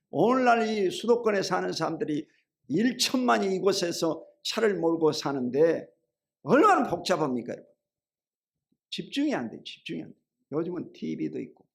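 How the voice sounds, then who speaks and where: Middle-aged man, pastor preaching, gravelly voice, rhetorical questions, loud-to-low swings. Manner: colloquial storytelling, shifts between loud and low. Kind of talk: sermon.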